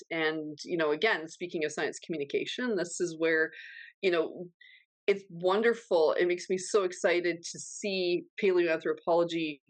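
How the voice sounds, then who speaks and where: A woman in her thirties co-hosting a podcast, chatting casually in a fast, animated rush of words. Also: lowish voice, dry recording. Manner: fast, animated, self-described freight-train talker. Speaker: podcast co-host.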